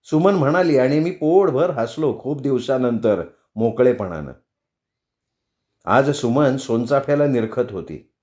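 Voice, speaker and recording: A man reading a novel aloud as audiobook narrator, in a measured, even way. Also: mid-range voice. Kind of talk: scripted storybook narration.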